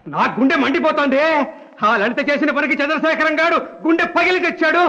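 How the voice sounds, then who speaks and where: A man's voice: extremely high pitch, brisk, highs cut off. An actor playing a hot-tempered, blustering middle-aged father in a comic family scene. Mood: furious. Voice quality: shouting, blustering outbursts. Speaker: father in a film. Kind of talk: 1970s film acting.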